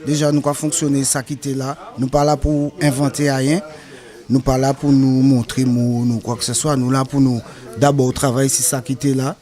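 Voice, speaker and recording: A man from Guadeloupe with a Guadeloupean Creole accent, speaking halting French mixed with Creole turns of phrase as a carnival group's artistic director. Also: medium pitch, level tone, warm tone. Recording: faint music behind.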